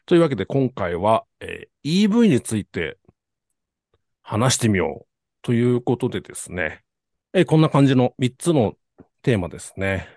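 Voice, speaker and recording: A man's voice: medium pitch, big pitch swings, moderate pace, a little mellow, dry recording, studio quality. A man hosting a car talk podcast, speaking in very polite, formal, announcer-like phrasing. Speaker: podcast host.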